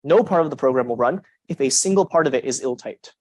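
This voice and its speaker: Lively young man giving a lecture. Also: medium pitch, quick pace, no echo, low-quality recording. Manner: lively, emphatic, asks the class questions. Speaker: university lecturer. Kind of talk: classroom lecture. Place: lecture hall.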